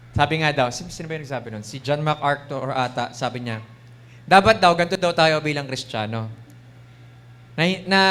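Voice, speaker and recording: A man's voice: fairly high pitch, a bit bright. A man with a Filipino accent preaching a sermon in a conversational mix of languages, acting out the devil's taunts. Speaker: bishop preaching.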